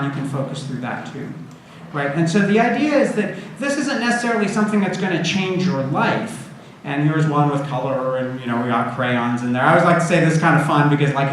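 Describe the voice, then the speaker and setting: Male university lecturer, conversational and informal, somewhat higher-pitched voice, strong room echo. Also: fairly bright tone. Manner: informal, conversational, checks in with "right?" and "you know". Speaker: university computer science lecturer. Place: indoor lecture room with an audience. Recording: echoey room, audible background noise.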